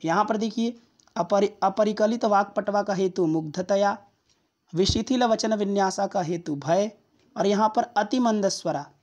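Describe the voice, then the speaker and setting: A patient woman Sanskrit teacher, walking students through a classical text phrase by phrase. She repeats explanations and checks in with the listener often. Her voice sits at a mid pitch. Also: a little slow, darkish tone. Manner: repetitive, patient explaining with frequent comprehension checks.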